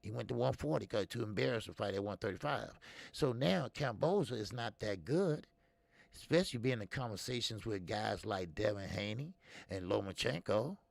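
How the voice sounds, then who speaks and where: A man's voice: on the low side, lively intonation, moderate pace, gravelly, dry recording. A man in his fifties hosting a casual boxing talk stream, blunt and talkative, answering viewers' comments as he goes. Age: 50s. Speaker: boxing show host.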